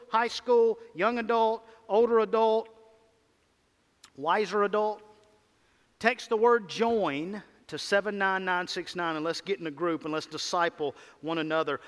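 Guy preaching w/ a mississippi drawl, pretty high voice, hammers his points and repeats stuff, big echoey church hall. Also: a bit bright. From Mississippi, United States. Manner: emphatic, repetitive, with deliberate pauses and call-and-response. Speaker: pastor preaching. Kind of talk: sermon. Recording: reverberant hall sound.

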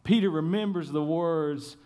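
A pastor delivers an Easter sermon, retelling scenes from scripture in a lively, casual storytelling style and addressing the congregation directly. His male voice is fairly high-pitched and a little slow.

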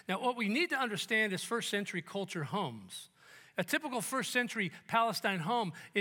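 High, bright-voiced male pastor preaching. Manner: conversational and joking, with sudden soft, hushed quotes. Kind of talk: sermon. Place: church.

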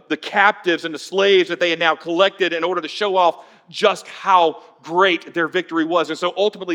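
High-voiced pastor preaching with playful asides. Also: male voice. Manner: animated, uses playful sarcastic asides and dramatic readings. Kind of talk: sermon.

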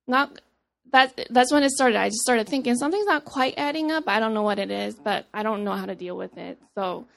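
Giving a personal testimony, this earnest woman from Papua New Guinea speaks conversationally, acting out dialogue and restarting as she goes. Her voice sits on the high side and carries a gravelly edge.

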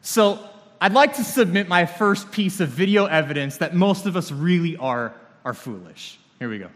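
A man's voice: sits high, expressive, moderate pace. A man preaching a sermon as a pastor, talking conversationally with dry humor. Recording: long reverb of a large hall.

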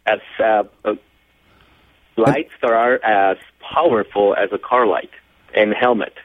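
A man with a slightly low voice speaks over a narrow, tinny phone line. He is a radio caller, answering questions in short, halting phrases. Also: no room sound. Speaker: radio show caller seeking legal advice. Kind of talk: answering questions on a call-in show.

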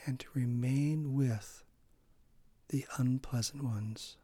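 Slow, calm man guiding meditation. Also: medium pitch, dry recording. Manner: slow, calm, with soft breathy trailing phrases. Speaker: meditation guide. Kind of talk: guided meditation.

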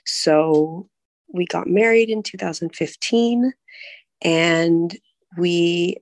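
A woman in her thirties from California, telling her story as a podcast guest in a relaxed, chatty way. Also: lowish voice, creaky, no echo. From California, USA. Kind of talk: personal storytelling interview.

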